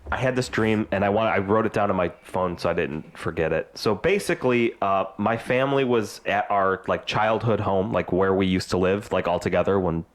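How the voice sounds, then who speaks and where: A man's voice: low-pitched, fairly quick, few pauses. A man co-hosting a podcast, telling a long rambling story in casual chat, full of "like" and "uh". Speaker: podcast co-host.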